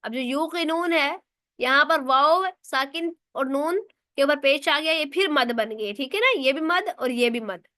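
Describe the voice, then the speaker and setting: A woman's voice: high-pitched, measured pace, bright, forceful tone, no room sound, clean studio sound. A woman teaching a recitation lesson online in speech, explaining step by step and answering her own questions.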